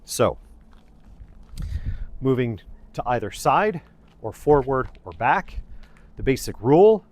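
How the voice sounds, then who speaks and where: A male instructor with a mid-range voice gives a fencing lesson. He explains technique methodically, laying out each point in deliberate, orderly phrases. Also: medium pitch, darkish tone.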